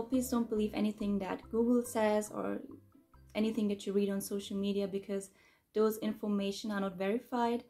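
Chatty young woman with a gravelly edge. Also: medium pitch, mellow. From Germany. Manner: chatty, upbeat, talks with her hands. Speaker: YouTuber answering fan questions. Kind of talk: casual Q&A vlog. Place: bedroom, indoors.

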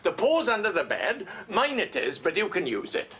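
A dotty old Welsh grandad. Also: male voice, high voice, wildly swooping pitch, normal speed, a bit bright, a little hiss or hum, heavily acted. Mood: chatty. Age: older. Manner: rambling, teasing. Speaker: eccentric father-in-law. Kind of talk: sitcom acting.

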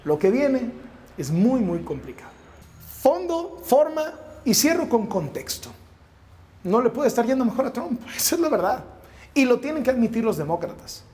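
Speaking at a moderate pace in a very high-pitched, sing-song, slightly mellow voice, a Mexican news commentator in his forties with a Mexican Spanish accent offers emphatic political commentary directly to camera, repeating phrases for effect. He is on a wood-paneled indoor set, miked with a lapel mic.

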